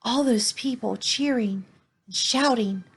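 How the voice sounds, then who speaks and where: A woman's voice: a little high, slow, breathy edge, exaggerated voice. Woman reading as an eager little donkey. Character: eager young male donkey, proud and hopeful.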